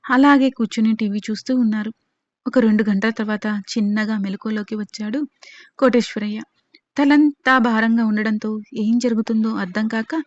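A woman storyteller reading an audio story in a steady, plain manner, in a dull lo-fi recording. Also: on the high side, no room sound.

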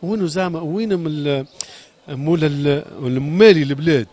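His voice is a little high and darkish, his pace a little fast. He is a shoemaker from Sfax with a Tunisian Arabic accent, stopped for a street interview, passionately and agitatedly complaining, repeating his questions and pleading.

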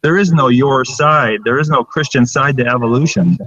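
A middle-aged man debating over a video call, making his case point by point in a steady way. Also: mid-range voice, normal speed, highs cut off. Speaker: atheist debater. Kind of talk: casual debate.

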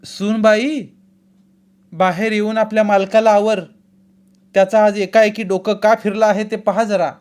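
A sharp-tongued older mother-in-law, loud and shrill, heaping complaints on the household, voiced by a man reading a storybook. She speaks high and unhurried, dragging out each grievance. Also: little pitch movement, clear, resonant tone. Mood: commanding.

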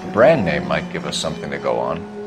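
A young 1940s American police detective in a game. He is formal and earnest, mid-pitched with wide swings in intonation, over clear background music. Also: sing-song, fast talker, full character voice. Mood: observing, thoughtful. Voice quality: formal, businesslike. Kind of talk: period detective game acting. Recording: music behind.

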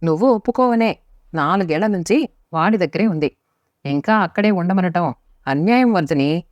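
A woman's voice: fairly low pitch, expressive, normal speed, a little mellow, dry recording, natural voice. A woman voicing a weary, irritated husband. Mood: pleading. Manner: exasperated, curt. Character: weary middle-aged husband, irritated, newspaper-reading. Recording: dry, slightly muffled lo-fi recording.

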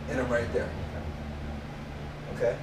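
A man's voice: mid-range voice, a little slow, far from the mic. A man instructing a martial arts class, talking while he demonstrates moves and adding sound effects. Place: garage dojo with mats, indoors. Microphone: far camera. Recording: echoey room, heard from afar, loud noise.

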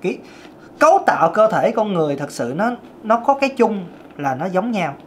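A man's voice: sits high, sing-song, moderate pace, slight background noise. A man, a vocal coach giving a casual singing lesson and talking straight to his viewers. He demonstrates different vocal registers as he explains them. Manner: chatty, addresses viewers directly.

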